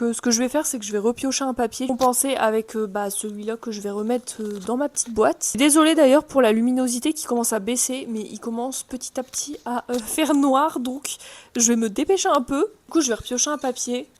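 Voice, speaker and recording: A woman's voice: a little high, darkish tone. Chatty French book vlogger woman. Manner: chatty, many fillers, reads titles quickly. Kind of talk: casual chat to camera. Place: room indoors as daylight fades.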